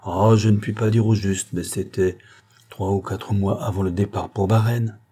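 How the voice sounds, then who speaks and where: A man's voice: fairly low pitch, fairly even intonation, normal speed, dark tone, breathy edge. A man voicing a sick, bitter old male locksmith who grumbles with resentment. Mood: resentful.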